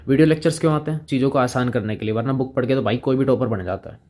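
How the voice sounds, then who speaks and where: A man's voice: medium pitch, very fast, mellow. A man teaching chemistry in a casual lecture, chatting with students and playing both sides of the conversation.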